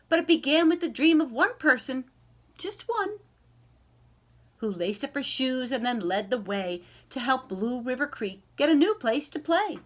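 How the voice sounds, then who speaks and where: A woman reading a children's storybook aloud and chatting to young listeners, expressive and encouraging, with stretched key words and dramatic pauses. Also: high-pitched. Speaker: library read-aloud host.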